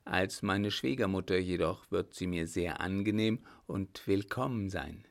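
A man's voice: sits low, measured pace, creaky. A man doing a sneering, cruel baron. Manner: sneering, laughing. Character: scheming baron, mocking, cruel, self-assured.

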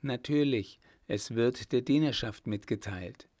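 A man reading an audiobook voices a calm, scheming noble baroness in a raised voice. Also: medium pitch, measured pace, dry recording, clean studio sound, lightly acted. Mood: decisive.

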